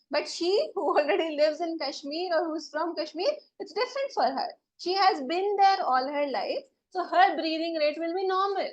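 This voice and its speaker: A woman's voice: high voice, dull audio. A woman teacher giving a classroom lecture, explaining step by step and often checking that students follow. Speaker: biology teacher.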